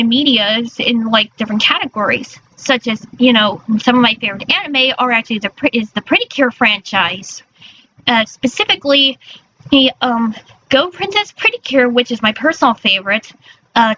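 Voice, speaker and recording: A woman's voice: high voice, sharp tone. A woman chatting casually on a livestream in a cute, girlish anime-streamer manner, often stumbling over her words. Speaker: streamer, virtual character persona. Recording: dull lo-fi mic with faint noise.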